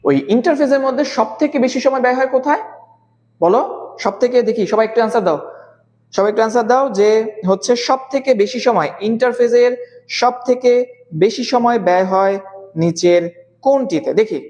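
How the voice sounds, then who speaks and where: Teaching a live online biology class, a man talks slowly and deliberately, repeating key terms and quizzing his students. His voice is very high-pitched with a darkish tone.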